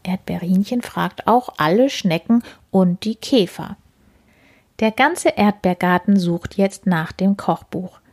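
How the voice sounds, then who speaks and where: A woman reading a children's story aloud, gentle and hushed, often half-whispering. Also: mid-range voice, takes it slowly. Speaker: reader.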